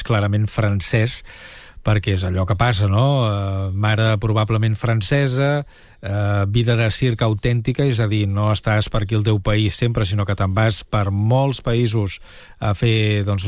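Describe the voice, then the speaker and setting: A man hosting a radio show, talking in a relaxed, conversational way. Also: on the low side, no echo, clean studio sound. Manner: relaxed, conversational, uses fillers. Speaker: radio host. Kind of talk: casual radio chat.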